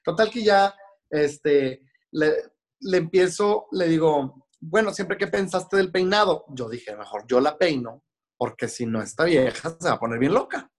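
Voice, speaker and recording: A man with a Mexican Spanish accent talks in a fairly high voice. He tells stories as a hair and makeup stylist in loose, chatty podcast style. He slips into the voices of the people in his stories as he goes. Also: expressive, unhurried. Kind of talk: casual podcast storytelling.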